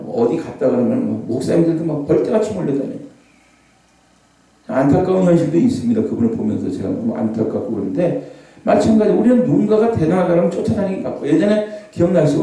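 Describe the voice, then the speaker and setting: A man preaching a revival sermon with a warm, mellow voice that swings through a lively range. He sometimes shouts out scripture cries. The recording catches him from across a big, echoing prayer hall. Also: on the high side. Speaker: pastor. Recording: echoey hall, voice from far off.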